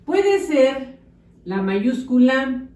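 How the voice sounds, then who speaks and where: A woman teaching children a phonics lesson, sounding out syllables slowly and clearly. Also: high-pitched, big pitch swings, dark tone, distant mic. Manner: slow, exaggerated sounding-out of syllables. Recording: echoey room, voice off-mic.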